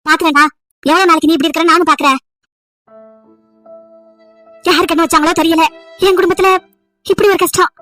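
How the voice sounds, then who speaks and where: A woman's voice: extremely high pitch, steady tone, very fast, bright, forceful tone, soft background music. A woman voicing a nagging, emotional old village grandmother over 70 who scolds and pleads at length. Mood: scolding. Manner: scolding, pleading, wailing complaints.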